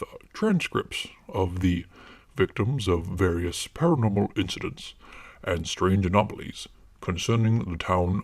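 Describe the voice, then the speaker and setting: A man voicing a stern, secretive male investigator in an audio drama, his voice altered to sound deep and disguised, formal and clipped. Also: creaky, slightly rough, no echo, heavily acted. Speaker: lead investigator.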